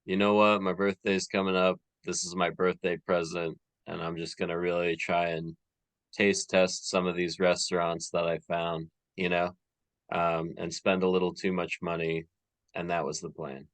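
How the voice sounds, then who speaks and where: A man's voice: sits low, normal speed, dry recording. A man hosting a podcast, chatting casually and rambling a little with plenty of fillers. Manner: relaxed, rambling, many fillers. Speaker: podcast host.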